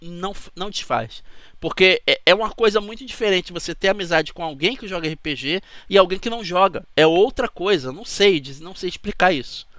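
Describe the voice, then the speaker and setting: A man's voice: high voice, animated, a little fast, hardly any pauses, fairly bright tone, no room sound. A man with a Brazilian Portuguese accent, hosting his channel in a chatty, rambling talk to camera that keeps checking in with the listener. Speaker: channel host.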